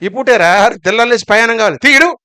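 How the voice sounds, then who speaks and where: A middle-aged male pastor, preaching bluntly and scolding, swinging between loud calls and low asides. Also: expressive, fast, clear, resonant tone, dry recording. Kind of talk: sermon.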